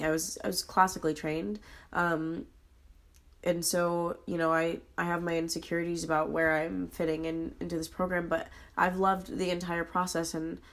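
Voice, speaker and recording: Her voice on the low side, a vlogger in her twenties speaks hoarsely, clearly ill, about her struggles in an earnest personal video, stopping frequently and filling gaps with "um."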